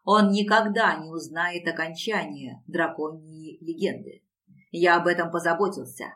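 A woman reading an audiobook and voicing an obsessive, jealous young man in a hushed, brooding tone. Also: a little high, fairly even intonation, moderate pace, distant mic. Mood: intense.

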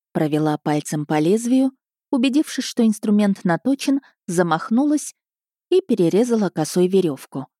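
A woman narrates an audiobook in measured, even storytelling. Her voice sits low with a mellow, warm tone, recorded dry and close. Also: no echo.

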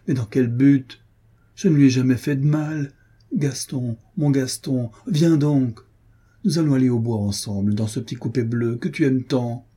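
A man's voice: mid-range voice, dark tone, husky, natural voice. A man reading aloud, voicing a grief-stricken young noblewoman who pleads in a feverish, desperate way.

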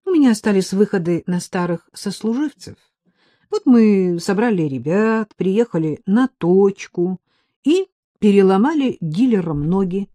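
A woman reading an audiobook voices a calm grown man who speaks in a measured, dryly mocking way. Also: medium pitch, dry recording, studio quality. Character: calm, wry grown man, a quiet schemer.

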